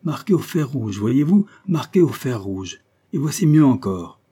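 A man's voice: fairly low pitch, normal speed, mellow, slightly rough. A man voicing a bitter, disgraced lieutenant who growls his words harshly.

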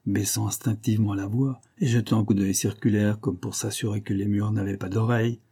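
A man reading a novel aloud as audiobook narrator, in a calm, even storytelling delivery. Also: fairly low pitch, brisk, creaky, slightly rough. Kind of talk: scripted narration.

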